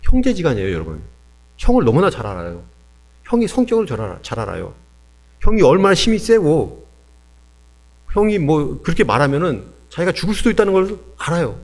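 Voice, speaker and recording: Animated Korean-speaking pastor preaching. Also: male voice, on the high side, fairly quick. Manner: animated storytelling, asks the congregation questions. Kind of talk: sermon.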